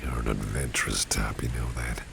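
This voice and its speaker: In a flirtatious ASMR roleplay addressed to the listener, a man plays a gentlemanly, protective boss, his voice extremely low and very creaky, dropping into a breathy half-whisper. He lingers over suave, courtly lines yet moves fairly quickly overall, with a heavily acted, admiring tone. Steady rain, street ambience, and passing vehicles are clearly audible behind him.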